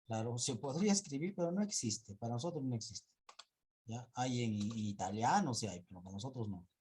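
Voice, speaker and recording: A man's voice: medium pitch, animated, fairly quick, darkish tone, a little hiss or hum. A male teacher giving a pronunciation class, patiently repeating sounds and checking that students follow. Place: online class in 2021.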